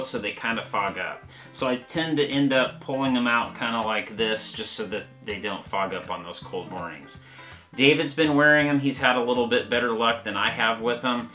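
A man's voice: mid-range voice, sharp tone, echoey room. A man hosting a fishing channel, explaining gear in a plain, practical, step-by-step way. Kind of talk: gear review talk to camera.

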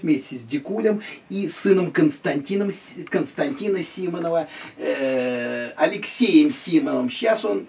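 An older man with a gravelly, somewhat high voice talks through a casual tour of his own small museum, moving from picture to picture. He is recorded from a little way off on a handheld camera, with faint room noise behind him. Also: distant mic. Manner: lively, chatty, gesturing at photos. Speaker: private museum owner and guide. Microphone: handheld camera following him.

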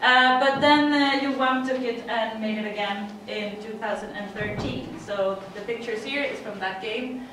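Her voice is a little high and steady in tone, at a measured pace with hardly any pauses, and there's background noise. The middle-aged Swedish conference speaker talks in English with a Swedish accent in a chatty style, laughing frequently and using fillers. The recording, from a far room mic in a dim conference room, is echoey.

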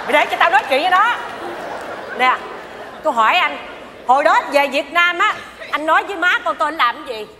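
An actress playing a sharp-tongued mother-in-law who scolds her son-in-law in a stage comedy. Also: high-pitched, animated, fairly quick, pauses often, a crowd in the background. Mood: scolding. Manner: scolding, indignant. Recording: reverberant stage hall with audience noise.

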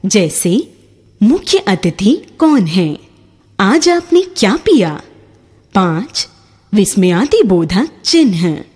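A woman narrating a scripted grammar lesson, reading example sentences slowly and deliberately. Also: medium pitch, big pitch swings, darkish tone, slightly rough. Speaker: teacher narrator.

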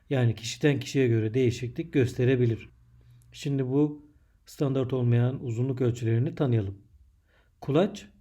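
Reading out a scripted lesson for primary pupils, a man dictates slowly in distinct, measured phrases, just as a teacher would. He has a mid-range voice with a dark tone.

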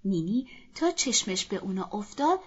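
Soft-voiced woman telling a children's story. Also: medium pitch, big pitch swings, husky. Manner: soft, often half-whispered, addressing children. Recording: dull lo-fi recording.

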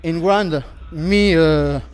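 A young French man, a fighter being interviewed after a bout, speaking halting, broken English with a French accent and repeating words as he searches for them. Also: on the high side, smooth. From France. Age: young adult. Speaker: MMA fighter. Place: indoor event backdrop interview area. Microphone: handheld interview microphone held close.

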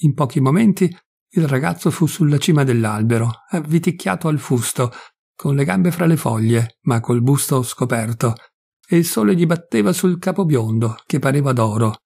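A man's voice: medium pitch, animated, gravelly, warm tone, slightly rough. Solemn man reading a classic novel. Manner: measured, deliberate, solemn. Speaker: audiobook reader. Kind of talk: scripted narration of a classic novel.

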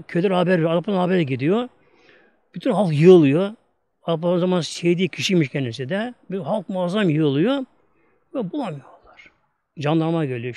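Turkish preacher guy, high voice, tells the story with lots of repeats, dry close sound. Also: darkish tone, dry recording. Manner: emphatic, repetitive storytelling. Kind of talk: storytelling religious talk.

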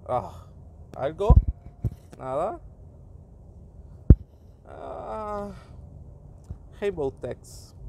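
Bilingual male gamer narrating summons, unhurried, a bit high-pitched, noisy recording. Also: animated, gravelly. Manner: mixes Spanish and English, reacts to each pull. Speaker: gaming YouTuber. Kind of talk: casual gacha summon commentary.

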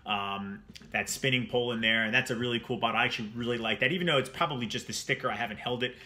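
A man's voice: mid-range voice, racing, sharp tone. A young man from New Jersey in a small room at home, giving a rambling, enthusiastic casual review of a fragrance straight to camera. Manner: enthusiastic, rambling, repeats words.

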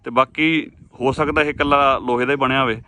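A man's voice: mid-range voice, fairly even intonation, fairly quick, pushed and bright. A young man with a Punjabi accent, chatting casually to viewers as he walks through his village fields, recorded outdoors in the wind on a handheld phone. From Punjab, India. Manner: chatty, addresses viewers as friends. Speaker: village vlogger. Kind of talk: casual vlog narration while walking.

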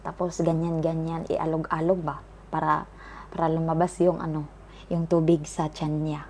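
A woman's voice: low-pitched, little pitch movement, normal speed, darkish tone, a little hiss or hum. A woman telling a childhood story to her viewers in a casual vlog, talking chattily with lots of fillers and often calling them guys. She is recording outdoors by the seaside. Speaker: vlogger.

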